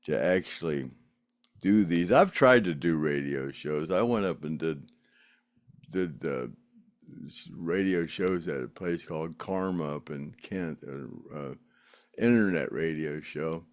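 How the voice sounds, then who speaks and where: An older man with a bass voice hosts a podcast, reading viewer comments in a casual, rambling chat at a slightly slow pace. He laughs often and is full of fillers and restarts. The recording is dry.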